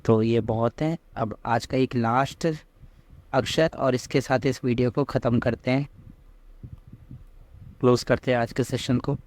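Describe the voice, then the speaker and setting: A man's voice: mid-range voice, fairly even intonation, unhurried, pauses often, a little mellow. A man teaching a reading lesson step by step, patiently asking questions and answering them himself. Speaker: language teacher. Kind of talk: slow step-by-step script lesson.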